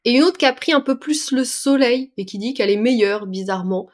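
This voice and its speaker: A woman with a fairly high voice gives a French lesson. She takes her time, explaining each expression patiently and pausing on small fillers. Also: lively intonation. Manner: patient, breaks words down slowly with fillers. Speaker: French teacher.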